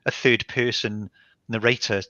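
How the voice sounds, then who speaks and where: Speaking a little slowly in a steady, sharp-toned, medium-pitched voice, a Welsh man from Barry in South Wales explains his choices as an author in an interview. The online call has no echo, though the highs are cut off. He's thoughtful and conversational, reflecting aloud with frequent ums and restarts.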